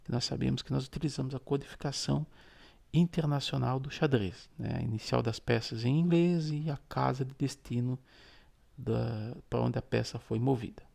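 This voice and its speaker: A man guides viewers through a phone tutorial, patiently describing every gesture he makes. His mid-pitched voice is deeply gravelly and mellow. He sounds steady and unhurried. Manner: patient, explains each gesture aloud. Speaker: tutorial host. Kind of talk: step-by-step screen-reader tutorial.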